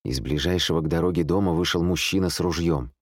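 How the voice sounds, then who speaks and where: Deep-voiced man narrating a thriller. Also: no echo, clean studio sound. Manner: calm, measured, suspenseful.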